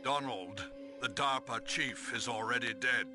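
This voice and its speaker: Male villain official actor-played, mid-pitched, smug and officious, dramatic game scene with clear music. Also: a little slow, natural voice. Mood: coldly dismissive. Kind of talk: dramatic video game voice acting. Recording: loud music behind the voice.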